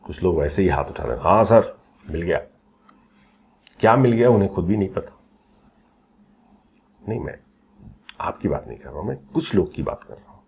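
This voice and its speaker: A man with a low voice teaches maths in a recorded coaching lecture, mixing Hindi with English terms. His delivery swings up and down with lively pitch as he quizzes the students and cracks small jokes. A faint noise sits under the recording. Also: brisk, gravelly, long pauses. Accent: Hindi-English code-mixing. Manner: lively, chatty teacher, asks the class questions and jokes with students.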